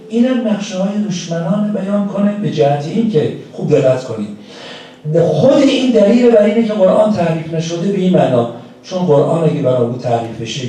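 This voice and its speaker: A man with a Persian accent delivers a religious lecture, laying out his points one by one and asking the audience rhetorical questions. His voice is dark and mellow. The recording catches him from a distance in a strongly echoing hall. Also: fairly high pitch, slight background noise. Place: community center hall. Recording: distant mic in a very echoey hall.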